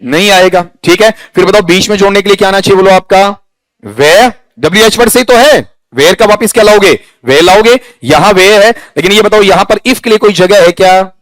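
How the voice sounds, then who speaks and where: A man with a Rajasthani Hindi accent teaching English grammar to a class, quizzing students and reading sentences aloud slowly. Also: sits high, dry recording, low-quality recording. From India. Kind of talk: classroom lesson.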